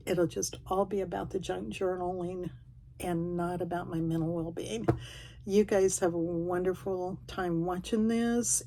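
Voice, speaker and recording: A woman's voice: on the low side, dark tone, a little hiss or hum. A middle-aged woman, chatting casually and a bit self-deprecatingly as she flips through a craft journal. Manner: folksy, self-deprecating, rambling. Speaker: craft vlogger.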